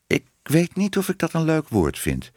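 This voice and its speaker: A man's voice: mid-range voice, huge pitch swings, measured pace, no room sound, studio quality, pitched above the performer's own voice. A man reading a storybook aloud, voicing a shy young woman who was once a cat and speaks hesitantly. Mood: timid. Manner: hesitant, stammering. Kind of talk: audiobook reading.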